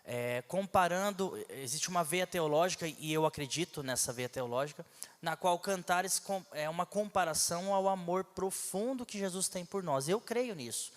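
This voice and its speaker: Preaching with a high, expressive voice at a moderate pace, this man teaches from the pulpit in a conversational way, tossing in asides and rhetorical questions. The church hall gives it a big-room sound.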